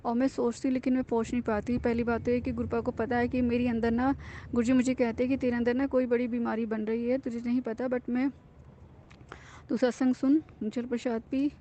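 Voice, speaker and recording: High, mellow-voiced woman giving earnest thanks. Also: level tone, normal speed, muffled recording, a little hiss or hum. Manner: earnest, confiding, with frequent fillers and restarts. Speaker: devotee sharing a testimony. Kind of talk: personal devotional testimony, casual.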